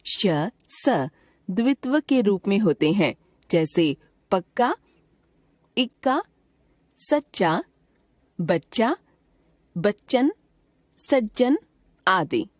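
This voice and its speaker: Slow, deliberate woman reading a grammar lesson. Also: mid-range voice, very animated, a little mellow, no room sound. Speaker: grammar teacher. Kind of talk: scripted textbook narration.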